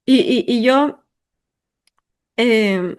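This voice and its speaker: Brief: woman, podcast host, emphatic and chatty, voice a touch high. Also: extremely slow, darkish tone, clear, resonant tone. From Ecuador. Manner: emphatic, talkative, piles up intensifiers and "o sea" fillers. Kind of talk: personal monologue.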